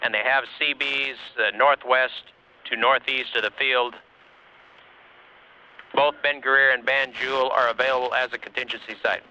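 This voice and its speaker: A capsule communicator reading a weather report over a mission control radio link, in clipped aviation phrasing. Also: male voice, mid-range voice, level tone, normal speed, pushed and bright, a little hiss or hum. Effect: radio transmission from mission control. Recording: muffled radio loop audio.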